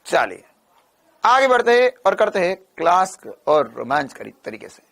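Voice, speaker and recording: Playful, energetic male physics teacher. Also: high voice, normal speed, vocal fry. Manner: energetic, playful, teases and answers his own questions. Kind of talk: online exam-prep lecture.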